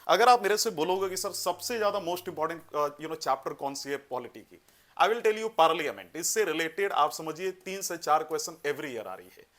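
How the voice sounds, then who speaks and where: A man's voice: on the high side, animated, moderate pace, fairly bright tone. A man teaching an exam-prep lecture, directive and step by step, mixing English terms into his speech with frequent tag questions. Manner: instructive, mixes English terms into Hindi, frequent "है ना" and "you know".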